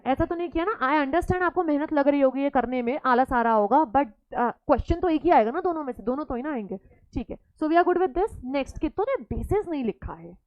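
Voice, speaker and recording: Woman, teacher, classroom lecture, high pitch, playful scolding, Hindi-English mix, dull dry recording. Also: expressive, a little fast, hardly any pauses, no echo. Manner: teasing, scolding students playfully.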